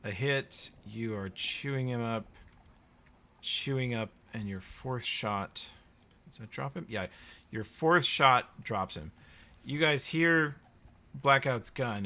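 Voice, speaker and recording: A man's voice: medium pitch, pushed and bright. A man acting as game master, narrating a tabletop game in a casual way. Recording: noisy background.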